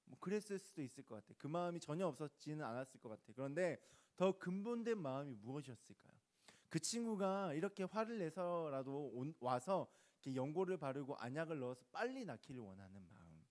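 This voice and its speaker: A man in his thirties with a fairly high voice delivers a conversational youth sermon as pastor. He puts questions to his listeners and swings between loud emphasis and soft, hushed asides.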